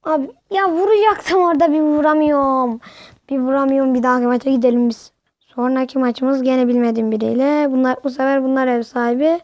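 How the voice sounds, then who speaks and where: Excitable high-voiced woman gaming. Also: brisk, no room sound, dull audio. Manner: excitable, yells at the game and the referee. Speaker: gamer. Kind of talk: casual gameplay commentary.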